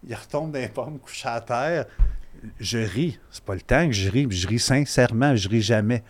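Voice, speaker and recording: A young man with a Quebec French accent, a podcast guest telling a story in an animated way and swearing casually. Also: medium pitch, normal speed.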